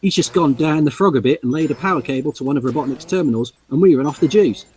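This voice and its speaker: A man's voice: a little high, fast talker, a little mellow, slight background noise, natural voice. A man voicing a chirpy male monkey hacker in a put-on Cockney accent, full of slangy banter. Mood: chummy.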